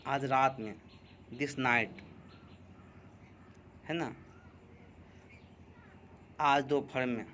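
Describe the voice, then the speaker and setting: A male teacher giving an English grammar lesson, dictating example sentences slowly and deliberately. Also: mid-range voice, fairly bright tone, a little hiss or hum. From India.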